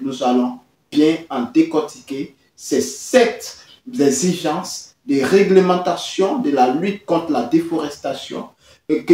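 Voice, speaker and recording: A man from Côte d'Ivoire hosts his own channel, talking in a halting way with many drawn-out "euh" fillers. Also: fairly high pitch, darkish tone, reverberant, recorded from a distance. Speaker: host. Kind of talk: hesitant talking-head commentary.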